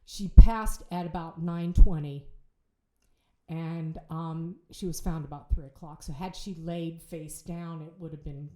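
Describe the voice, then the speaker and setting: Middle-aged woman, dark roomy voice. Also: low-pitched, fairly even intonation. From Ohio, United States. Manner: halting, with restarts and repeated words. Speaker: bereaved mother, podcast guest. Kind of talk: emotional personal storytelling. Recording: roomy echo.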